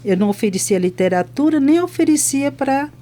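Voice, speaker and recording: Older woman, chaplain; warm, mellow voice; lively storyteller who acts out the dialogue. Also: high voice, a little fast. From Brazil. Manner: lively retelling that acts out both sides of conversations. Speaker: hospital chaplain. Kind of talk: podcast testimony storytelling.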